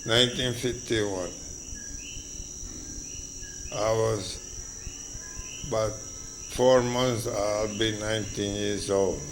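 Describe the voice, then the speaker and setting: An elderly man in his eighties, a native Spanish speaker, slowly reminisces as he tells stories to an interviewer, rambling and halting with fillers and chuckles. His voice is on the low side with fairly even intonation, and crickets add noise to the recording.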